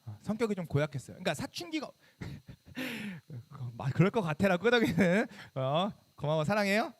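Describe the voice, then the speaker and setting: A man in his thirties gives a sermon to a room of middle schoolers as their youth pastor. His voice sits high and swings widely up and down. He keeps it conversational, pelting the teens with questions. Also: sing-song, moderate pace, breathy edge. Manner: bursts into loud scolding when acting out his younger self.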